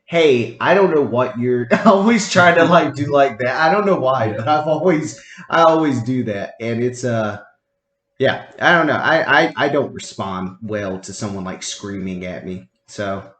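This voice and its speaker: A man's voice: mid-range voice, lively intonation, normal speed, a bit bright. Young male podcast co-host, loose and rambling, laughs a lot, roomy echo. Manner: rambling, laughing, lots of fillers. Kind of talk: casual chat.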